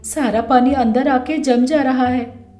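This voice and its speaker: A woman's voice: sits high, fairly even intonation, unhurried, dark tone, reverberant, faint music behind. A woman voicing a frantic, whiny young woman in a cartoon story, shrieking exasperated complaints.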